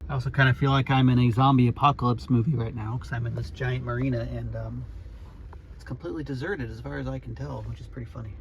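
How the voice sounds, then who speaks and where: A man's voice: medium pitch, fairly even intonation, fast. A man chatting casually and offhand as he narrates his road trip vlog, musing as he goes. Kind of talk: casual rambling vlog chat. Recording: muffled sound with loud background noise.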